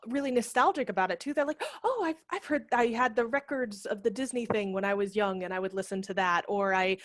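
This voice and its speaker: A woman in her thirties, a theatre managing director appearing as a guest on a video call, explains things in a casual, animated, conversational way through a headset microphone. Her medium-pitched voice runs a little fast. She's indoors in a brick-walled room at home for this online session, and the sound is dry and studio-clean.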